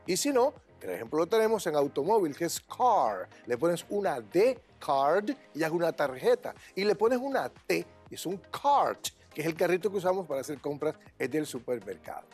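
Un hombre, director de una escuela de inglés, responde una entrevista de forma enfática y tajante, demostrando entonaciones en inglés. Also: male voice, a little high, very animated, fairly quick, few pauses, darkish tone, breathy edge, faint music behind. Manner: emphatic, opinionated, demonstrates English intonation. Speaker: English teacher and school director. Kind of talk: interview answers.

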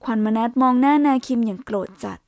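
A woman narrating a romance story in Thai in a steady, unhurried storytelling voice that often drops soft and hushed. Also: a little high, dry recording, clean studio sound.

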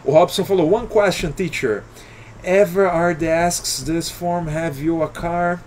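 A man's voice: fairly high pitch, fairly even intonation, slow pace, darkish tone, slight background noise. A man with a Brazilian Portuguese accent teaching English on a live stream, explaining patiently and greeting viewers by name, often ending with "alright?".

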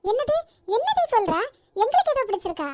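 A woman's voice: very high voice, very animated, quick pace, a little mellow, a little hiss or hum. A woman voicing a stern elderly matriarch in a cartoon, with a Nagercoil Tamil accent and a scolding, commanding manner. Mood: puzzled. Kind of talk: cartoon voice acting.

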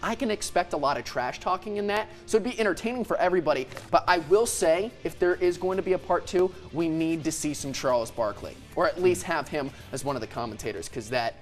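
A man's voice: a little high, brisk, few pauses, faint music behind. A man co-hosting a TV sports debate, teasing his partner in playful banter. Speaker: TV sports co-host. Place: TV studio.

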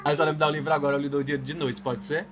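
Fast-talking teasing man. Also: fairly high pitch, level tone. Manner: teasing, haggling, playful. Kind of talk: bantering home video.

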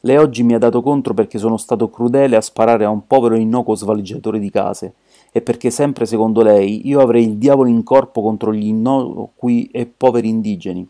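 Brief: defensive, excitable colonel voiced by a male reader, dark tone, storybook reading. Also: lowish voice, fairly quick, natural voice. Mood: agitated. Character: agitated middle-aged male ex-army colonel.

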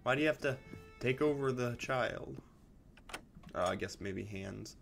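A man's voice: medium pitch, unhurried, creaky, a bit bright, faint music behind. A man commentating a video game as he plays, rambling and often restarting his sentences as he reacts to what happens on screen. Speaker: gamer. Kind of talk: let's play commentary.

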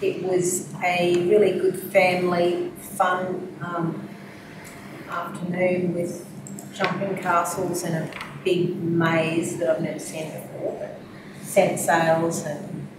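Woman councillor, slow and flat, lowish voice, echoey far-off room. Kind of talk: formal meeting report. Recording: echoey chamber, distant mic, noisy.

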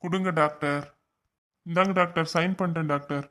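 A man's voice: on the high side, fairly even intonation, brisk, a bit bright, natural voice. A man voicing a polite, anxious young husband in a family cartoon. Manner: polite, anxious, repeats respectful address. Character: earnest young husband, soon a father.

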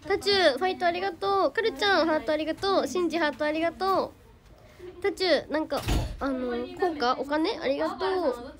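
A high-pitched teenage girl from Hyogo, speaking with a Kansai lilt. She chats casually and cheerfully on a livestream, thanking fans and calling herself by her own name. A crowd can be heard clearly behind her. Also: brisk. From Hyogo, Japan. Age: teens. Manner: bubbly, thanks viewers by name, refers to herself by name. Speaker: idol livestreamer. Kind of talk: casual livestream chat reading viewer comments.

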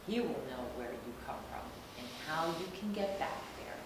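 A woman's voice: lively intonation, moderate pace. A woman voicing a big, friendly, joking male hippopotamus while reading a picture book to young children. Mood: friendly, hearty. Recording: roomy, distant microphone, rumbling background noise.

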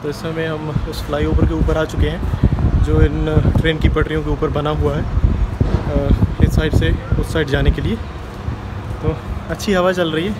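A man's voice: on the high side, a little slow, loud music behind the voice. A young man, a travel vlogger, casually narrating a tour as he shows places around a railway station and a temple. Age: young adult. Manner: relaxed, explains as he shows places. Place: outdoor railway station platform. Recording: outdoor ambience noise, passing vehicles.

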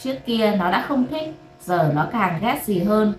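A woman host narrating late-night stories in a calm, even reading voice. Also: mid-range voice, unhurried. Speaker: storyteller host. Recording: roomy echo, faint noise.

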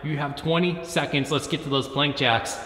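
A man's voice: a little high, fairly even intonation, normal speed, sharp tone. A man in his thirties coaching a workout with short, commanding, motivational gym-coach cues, recorded in a large echoey gym. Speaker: fitness coach leading a timed home workout. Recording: echoey, reverberant gym hall.

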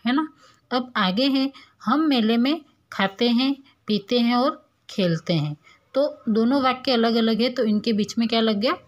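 A woman schoolteacher with a slightly high voice explains a lesson to children. She patiently asks a question and then answers it herself, in a friendly classroom way. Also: lo-fi sound. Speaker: school teacher.

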